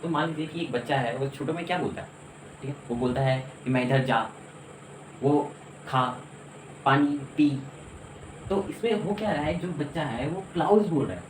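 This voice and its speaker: Here a man gives an English lesson in the form of a classroom lecture, his voice a little high, a little mellow, expressive and fast. He lays out each step and regularly confirms his students are with him. Slight background noise and an echoey room come through.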